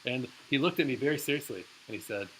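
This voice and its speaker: A man's voice: mid-range voice, lively intonation, fast, a bit bright, poor audio. A man professor telling a personal story to his class in a casual, chatty way, with many fillers. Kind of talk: casual closing lecture story. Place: lecture hall. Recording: hissy lecture recording.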